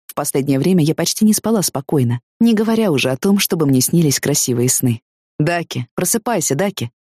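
A woman's voice: low voice, fast talker, breathy edge, no echo, studio quality. A woman narrating a first-person novel as an audiobook, reading expressively and with feeling. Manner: expressive, emotionally engaged reading.

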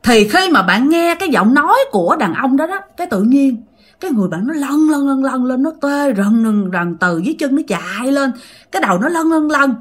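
With a high, animated voice and a brisk pace, a woman chats her way through a ghost story. She often breaks off to address the people listening.

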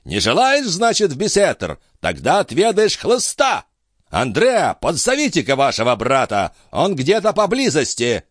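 A man's voice: medium pitch, very animated, moderate pace, hardly any pauses, no room sound, clean studio sound, voice pushed up, lightly acted. A man voicing an old, hot-tempered nobleman who roars in fury at a servant. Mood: raging. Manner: roaring, raging.

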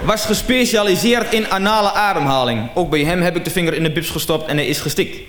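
High-voiced man telling a comic story. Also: quick pace, echoey room, very noisy. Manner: mock-confessional storytelling, rising to excited shouts. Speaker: comedian. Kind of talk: comic monologue recording.

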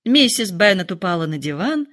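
A woman narrating a story aloud in an expressive reading. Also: mid-range voice, moderate pace. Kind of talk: audiobook reading.

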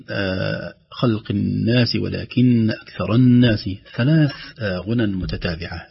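Patient male recitation teacher with a husky, gravelly voice; slow recited examples; lo-fi broadcast sound. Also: lowish voice. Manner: patient, explanatory, recites example words slowly. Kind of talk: explaining tajweed on a call-in program.

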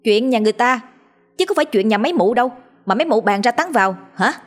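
A woman voicing a sharp-tongued village wife who scolds her neighbours quickly and loudly. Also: expressive, close to an everyday voice. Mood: scolding. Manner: scolding, fast and shrill.

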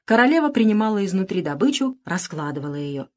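Woman narrator, children's audiobook, lively expressive delivery. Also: medium pitch, quick pace.

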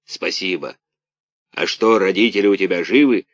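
A man voicing a huge bearded, bad-tempered puppet master who barks slow, loud shouts in a storybook reading. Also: deep voice, no room sound. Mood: gruff questioning.

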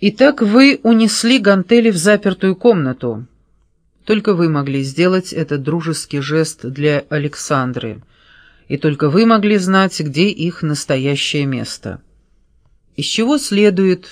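Detective role done by the reader: a pushy, sharp-witted man who grills a suspect with sarcasm, in a dry, slightly high voice. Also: no room sound. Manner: pressing, sarcastic interrogating.

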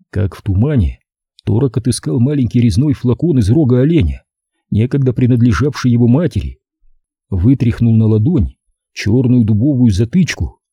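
A man reads a story aloud in a very dark, mellow, husky voice. His pitch moves widely as he narrates expressively, and the recording is dry and close. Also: no room sound. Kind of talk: audiobook reading.

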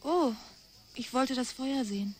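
A woman's voice: sits high, unhurried, a little hiss or hum. Teasing young woman. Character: young woman out to see a forest fire. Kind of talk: radio drama acting.

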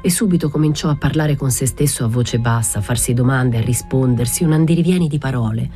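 Woman doing an audiobook, low dark voice, kinda husky, calm even storytelling. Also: soft background music. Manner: steady, measured first-person storytelling. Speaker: narrator. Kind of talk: audiobook reading of a literary novel.

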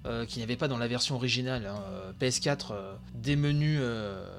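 A tired man with a young son hosting a games channel, giving excited live reaction commentary late at night, with lots of fillers and outbursts. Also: medium pitch, brisk. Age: adult with young son. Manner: excitable, chatty, many fillers. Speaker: video game channel host.

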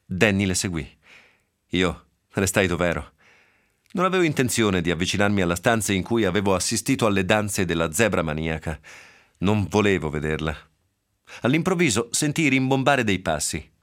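Rich: A man with a very low, deep voice reads a novel aloud for radio. His narration is measured and steady, delivered close to a studio microphone. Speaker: reader. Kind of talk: literary reading on radio.

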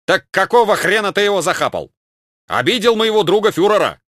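A man's voice: high-pitched, sing-song, brisk, a bit bright, no room sound, studio quality, pitched above the performer's own voice. A man voicing a stern, mocking middle-aged spy who barks orders and threatens bluntly, in a comic audiobook. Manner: barked commands and gruff threats.

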